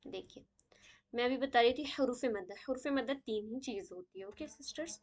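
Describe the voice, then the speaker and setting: A woman teaching tajweed to a live online class, her voice sitting high. She talks over a video call and keeps checking in with her students. She sprinkles English words into her explanations. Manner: checks in often with "okay?", mixes English words.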